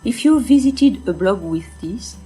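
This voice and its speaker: A woman with a French accent reading a bilingual French and English lesson slowly and plainly in a blunt, outspoken manner. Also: medium pitch, animated, warm tone, husky, soft background music. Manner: slow, deliberate and outspoken. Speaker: podcaster teaching French. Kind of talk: scripted bilingual narration.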